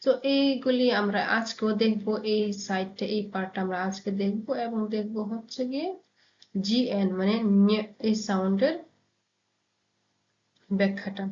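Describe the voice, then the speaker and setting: A woman giving a pronunciation lesson, saying example words slowly and repeating each one. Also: mid-range voice, darkish tone. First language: Bengali. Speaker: Italian language teacher. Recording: echoey, dull lo-fi room sound.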